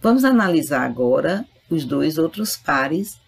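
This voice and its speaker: A woman's voice: low voice, big pitch swings, measured pace, gravelly, husky. A woman teaching a grammar lesson, explaining patiently and speaking directly to her students. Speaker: Spanish teacher. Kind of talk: recorded online grammar lesson.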